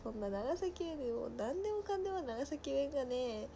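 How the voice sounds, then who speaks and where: A young woman with a Nagasaki dialect, somewhat high-pitched, chats casually on a livestream and reads viewer comments aloud. She drifts into soft mutters between remarks. Faint ambient noise sits under her voice. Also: sing-song, moderate pace, creaky. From Nagasaki, Japan. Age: 20s. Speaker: livestream host.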